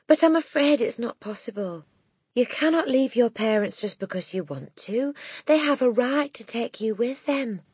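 A woman voicing a calm, caring schoolteacher who speaks in a soft, measured way, in a storybook reading. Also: a little high, breathy edge, no echo, studio quality, voice pushed up. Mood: gentle, regretful.

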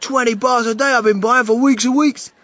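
A big, envious boy, voiced by a man reader, shouting his resentment. The voice is raised in pitch and loud. The recording is dry. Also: steady tone, a little fast, dry recording. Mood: angry resentful. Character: large, angry, envious boy.

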